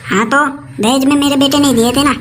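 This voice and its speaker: A woman's voice: sits high, fairly even intonation, fairly quick, slight background noise, close to an everyday voice, low-quality recording. A woman playing a bossy, nagging old mother-in-law who scolds and threatens in rustic dialect, in a comic family skit. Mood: scolding.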